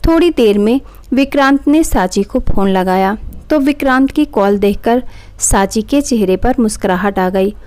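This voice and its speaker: A woman reading a moral story aloud in an even, dramatic narration. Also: fairly high pitch, moderate pace.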